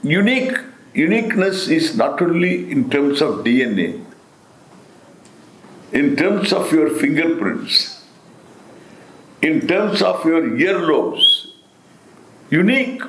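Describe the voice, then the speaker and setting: An older man with an Indian accent delivers a spiritual discourse at a slow, deliberate pace. His pitch rises and falls widely as he stresses and repeats key words. The sound is roomy and echoing. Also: expressive, a bit bright. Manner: deliberate, emphatic, with repetition and rhetorical questions.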